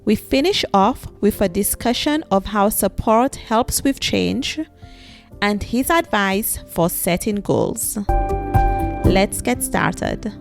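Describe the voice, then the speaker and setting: A woman hosting a podcast, introducing her guest and asking questions in a measured, clear manner. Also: mid-range voice, lively intonation, music in the background. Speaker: podcast host.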